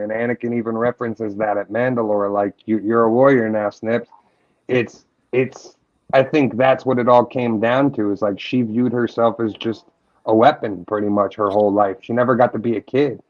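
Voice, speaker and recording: A man co-hosting a casual fan chat, excitable, often repeating his words as he talks. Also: mid-range voice, highs cut off. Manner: excited, fast, repeats himself. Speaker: co-host.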